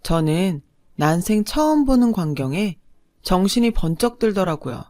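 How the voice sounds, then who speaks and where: A woman's voice: lowish voice, big pitch swings, normal speed, warm tone, dry recording, studio quality. A woman telling her own family story in a blunt, frank first-person narration.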